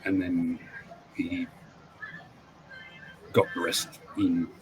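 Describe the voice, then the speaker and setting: A man co-hosting a casual stream chat, telling things at length with many pauses and ums. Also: sits low, level tone, slight background noise, rough recording. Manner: rambling, hesitant, many ums.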